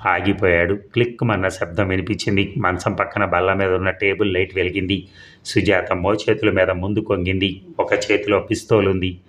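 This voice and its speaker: Deep-voiced man narrating a suspense story. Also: normal speed. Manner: steady storytelling, briefly voicing characters' lines.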